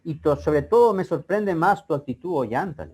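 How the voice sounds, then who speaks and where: A man's voice: fairly high pitch, animated, normal speed, a little mellow, slightly rough. A male teacher voicing an angry young Inca ruler who scolds with indignant questions.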